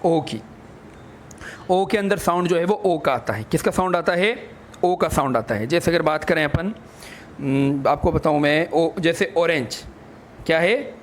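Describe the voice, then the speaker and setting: A man's voice: fairly high pitch, unhurried, slight background noise. A man teaching English letter sounds, spelling words out letter by letter and answering his own questions like a patient teacher. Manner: addresses listeners as children. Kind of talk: classroom phonics lesson.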